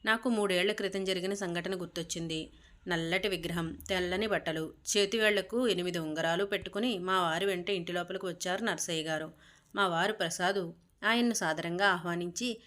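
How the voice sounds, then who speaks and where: A woman narrating a first-person audio story in a calm, even reading voice. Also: fairly low pitch, a little fast.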